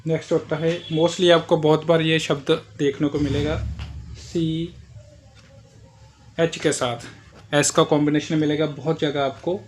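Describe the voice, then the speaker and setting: A man's voice: on the high side, little pitch movement, slow pace, pauses often, a little hiss or hum. A man teaching German pronunciation in Hindi, explaining letter by letter and repeating each example word several times. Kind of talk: language lesson explaining pronunciation.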